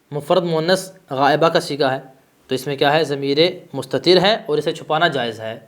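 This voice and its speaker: Male teacher, a little high-pitched, lesson delivery, asks and answers his own questions. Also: a bit bright. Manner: stresses terms with rising pitch. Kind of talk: classroom grammar lesson.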